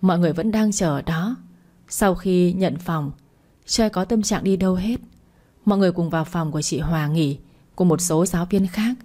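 Mellow-voiced woman narrating a story. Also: on the low side, fairly quick.

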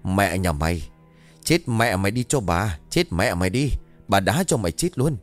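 A man's voice: deep voice, animated, moderate pace, faint music behind. A man voicing a cruel, foul-mouthed woman who screeches insults and wails in a storytelling narration. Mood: screeching.

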